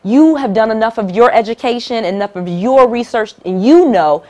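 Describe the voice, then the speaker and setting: A woman's voice: fairly high pitch, expressive, normal speed, dark tone. A middle-aged woman teaching real estate investing to camera, emphatic and direct, repeating key points and checking in with "all right?".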